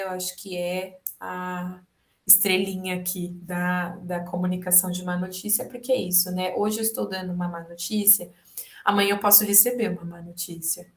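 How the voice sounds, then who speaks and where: A woman's voice: mid-range voice, roomy sound. A woman with a Brazilian Portuguese accent giving a webinar lecture to health workers, explaining step by step and often checking in with tag questions. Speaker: health educator.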